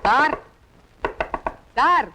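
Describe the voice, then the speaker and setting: A pompous professor in formal speech. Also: male voice, very high-pitched, animated, very slow, noisy background, heavily acted. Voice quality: formal, elaborate literary diction. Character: pompous older male professor speaking formal Tamil. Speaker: professor neighbour.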